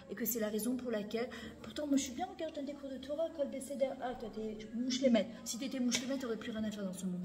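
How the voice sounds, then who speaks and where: A middle-aged woman giving an animated, emphatic Torah lesson to a room of women, repeating phrases and mixing in Hebrew words. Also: on the high side. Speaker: Torah teacher. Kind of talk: spoken lesson to a women's audience. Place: lecture hall. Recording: echoey hall, faint background noise.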